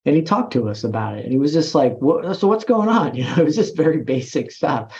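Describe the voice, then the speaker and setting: A military veteran talking in a casual interview, with many restarts and fillers. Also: male voice, mid-range voice, darkish tone. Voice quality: halting, full of restarts and "like". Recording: slightly muffled recording.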